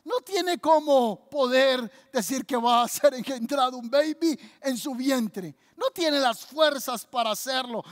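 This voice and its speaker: A woman's voice: sits high, no echo, clean studio sound, in a large hall. A Colombian woman pastor preaching a fervent sermon, firing off repeated rhetorical questions at the congregation.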